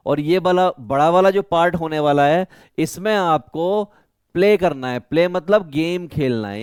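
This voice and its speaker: A man's voice: fairly high pitch, a little mellow, clean tone, dry recording, clean studio sound. A young Indian man teaching students, giving study advice like a big brother and asking and answering his own questions. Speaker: online teacher for class 11 students. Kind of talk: motivational study-advice lesson.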